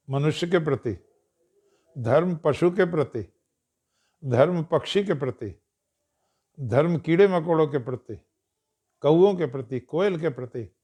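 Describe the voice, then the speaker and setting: A man giving a storytelling discourse to an audience, speaking in a measured way and clearing his throat now and then. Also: on the high side, animated, a little mellow.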